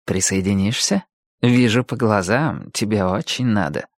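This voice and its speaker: A man's voice: on the low side, measured pace, no echo, clean studio sound. A man voicing a charming, courteous young ghost who leads a gang of skinjackers, in an audiobook. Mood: coaxing. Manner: coaxing, courteous. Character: smooth, charming young male skinjacker leader.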